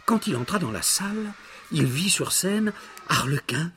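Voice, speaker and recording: Expressive man reading a storybook. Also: high-pitched, a little hiss or hum. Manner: dramatic, slowing down for suspense. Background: soft background music.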